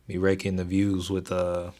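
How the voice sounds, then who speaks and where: A young man with a deep, soothing, even voice hosts a stock trading livestream, chatting casually with viewers. He stays laid-back, keeps his delivery even at a moderate pace, and reads chat messages aloud.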